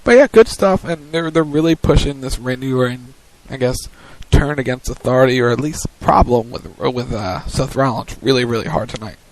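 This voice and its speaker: A man's voice: medium pitch, moderate pace, hardly any pauses, poor audio. A man co-hosting a wrestling post-show on web radio, recapping segments and calling matches like a commentator. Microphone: studio mic on a web radio show.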